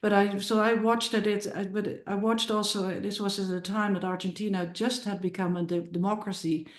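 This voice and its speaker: In a relaxed podcast interview, a Dutch filmmaker and musician in middle age speaks about her film with a Dutch accent, repeating words and restarting often. Her medium pitch barely moves and her pace is moderate, with a roomy recording.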